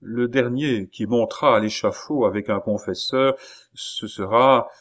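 Brief: cold, measured male prophet, ominous and unhurried, read by a man. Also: medium pitch, natural voice. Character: grim male fortune-teller, calm and ominous. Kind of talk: audiobook character voice.

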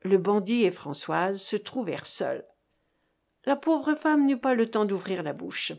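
A woman reading a classic novel aloud as an audiobook narrator, in an expressive, dramatic way. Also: medium pitch, a little slow, vocal fry.

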